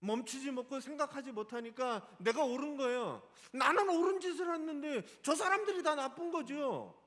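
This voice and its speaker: Long reverb trails a male pastor's very high voice as he preaches a Sunday sermon at a moderate pace in a church sanctuary. He speaks with animation and questions the congregation.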